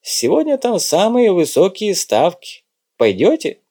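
A man reading an audiobook, voicing a weary, sardonic elderly maître d' who speaks slowly. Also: sits high, huge pitch swings, warm tone, voice pushed up, exaggerated voice. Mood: wry. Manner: slow, drawn-out, sardonic. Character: elderly male casino maître d', wry and weary.

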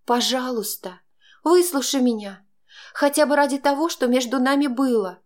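A woman's voice: high voice, steady tone, unhurried, darkish tone, pitched above the performer's own voice. A woman reading an audiobook, voicing a frightened young woman who pleads in a trembling, raised voice. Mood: pleading.

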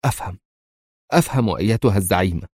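A man's voice: sits low, fast talker, darkish tone, no echo, clean studio sound. A man reading the lines of a tense, loyal young woman who serves a gang leader and answers firmly. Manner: tense, firm replies.

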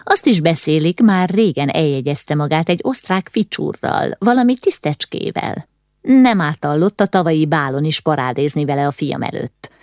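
A woman voicing a spiteful middle-aged baroness with a shrill, piping voice and snide, needling remarks. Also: lively intonation, a little mellow, dry recording, studio quality. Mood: accusing.

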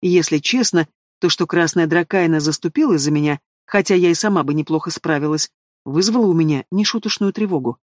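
A man narrating a first-person fantasy audiobook with an expressive, dramatic reading, recorded close to the microphone. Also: fairly high pitch, fairly quick, no echo.

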